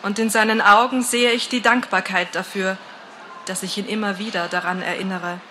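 A woman narrating a first-person story in a calm, measured, atmospheric reading. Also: medium pitch, a little hiss or hum, rough recording.

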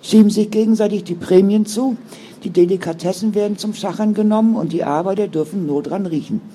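A man's voice: a little high, lively intonation, normal speed, mellow, slight background noise. A man voicing an angry, defiant young woman who is a mother, with indignant, bitter outbursts.

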